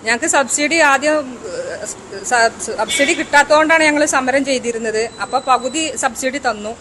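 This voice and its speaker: A woman's voice: high-pitched, normal speed, crowd noise, poor audio. Woman, community hotel worker, earnest plain answers. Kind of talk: interview answer.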